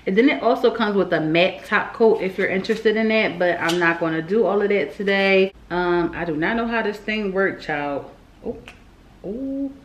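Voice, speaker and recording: A woman's voice: medium pitch, normal speed, few pauses. Woman vlogger slightly slurring around a retainer. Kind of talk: casual chatty vlog talk to viewers. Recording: roomy echo, some background noise.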